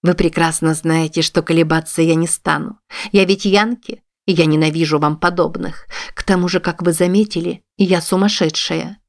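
A woman voicing a cold, composed woman in an audiobook, speaking low and steady. Her calm, measured menace never rises. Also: no room sound, clean studio sound, natural voice. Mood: quietly menacing. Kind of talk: audiobook reading.

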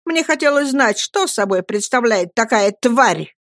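A bitter, contemptuous young woman, put on by a female reader, spitting her words through clenched teeth in a high, dry voice. Her tone stays icy and merciless from start to finish. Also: lively intonation, unhurried, no echo. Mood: scornful. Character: scornful cold young woman, full of hatred.

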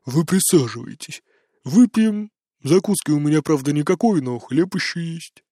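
A man voicing a drunk, bitter middle-aged man who drawls, jeers and shouts. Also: on the high side, expressive, moderate pace, no room sound, studio quality. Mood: drunkenly jovial. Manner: slurred drawling, jeering and shouting.

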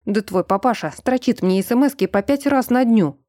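A woman voicing a gruff, hot-tempered young man who is a werewolf. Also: a little high, normal speed, mellow, no echo, clean studio sound, close to an everyday voice. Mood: blunt.

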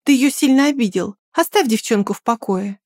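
A woman reading an audiobook and voicing a bold young woman who defends her friend with sharp, threatening words. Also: fairly high pitch, lively intonation, fairly quick, dry recording, studio quality. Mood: stern. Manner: sharp, threatening, then coaxing.

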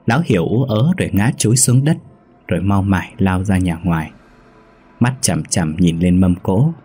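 A man narrates a ghost story in a slow, measured way. His voice is very low and dark, with a husky grain. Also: lively intonation. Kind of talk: scripted horror narration.

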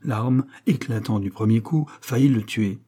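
A man narrating a classic novel as an audiobook, slow and measured. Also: fairly low pitch, mellow, slightly rough.

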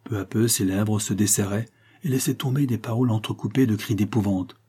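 A man reading a French novel aloud in a measured, dramatic narration. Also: on the low side, warm tone, husky. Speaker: audiobook reader. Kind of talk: scripted literary narration.

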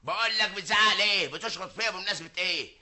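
A man's voice: high voice, bright, forceful tone. A man with an Egyptian accent playing a boastful, jealous village man in a comic radio play, bantering and blustering. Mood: cocky bluster. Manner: bantering, jokey, quick to bluster. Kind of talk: vintage radio comedy acting.

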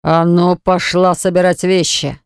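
A woman narrator voicing a stern, domineering young man who speaks in slow, low, clipped commands. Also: fairly even intonation, a little mellow, clear, resonant tone, no echo, clean studio sound.

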